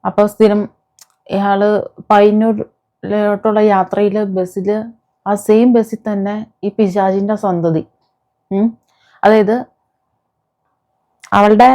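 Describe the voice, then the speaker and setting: A video commentator with a Kerala Malayalam accent speaks in a mellow, mid-range voice. Informal and indignant, she scolds her viewers and poses rhetorical questions. The lo-fi sound is muffled and dull.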